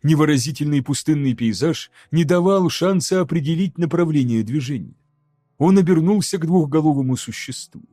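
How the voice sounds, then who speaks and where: Чтец-мужчина, мягкий тёмный тембр, размеренное драматичное чтение, тихая музыка фоном. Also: male voice, fairly high pitch, expressive, mellow, dry recording, studio quality, faint music behind. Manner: measured, dramatic reading. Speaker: audiobook narrator. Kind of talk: scripted narration.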